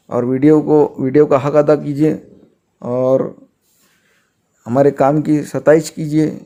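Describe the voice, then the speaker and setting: Speaking in a fairly high, mellow voice, a man leads a grammar lesson, going over the rules again with patience and dictating sample sentences one word at a time.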